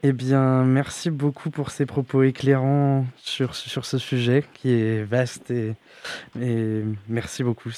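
A man's voice: medium pitch, flat delivery, takes it slowly, mellow, dry recording. A man interviewing a radio guest and politely thanking him. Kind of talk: interview wrap-up.

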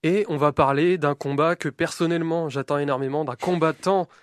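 A man co-hosting a sports show, talking through a fighter's game with eager, methodical detail. His voice sits a little high and is recorded close and dry, with no room around it. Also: steady tone, a little fast, dry recording. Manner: enthusiastic, methodical, self-deprecating. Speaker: co-host of a combat sports show. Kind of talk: casual sports debrief, detailed fighter analysis.

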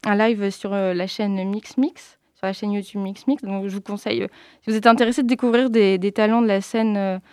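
Smooth-voiced woman, hesitant radio guest. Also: mid-range voice, steady tone, fairly quick, a little mellow, dry recording. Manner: hesitant, many fillers. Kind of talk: casual interview talk.

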